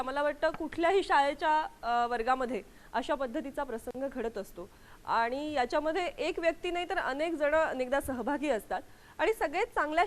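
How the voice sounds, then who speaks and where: A woman hosting a television discussion, introducing guests and asking clear questions. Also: high-pitched. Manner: introduces guests, asks questions, short affirmations. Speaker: host. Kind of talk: studio discussion on youth show.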